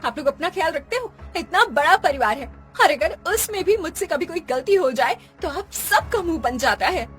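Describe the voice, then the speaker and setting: A fed-up young daughter-in-law. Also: female voice, extremely high pitch, animated, moderate pace, few pauses, fairly bright tone, faint music behind. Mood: angry. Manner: complaining, indignant, snapping. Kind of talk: animated cartoon voice acting.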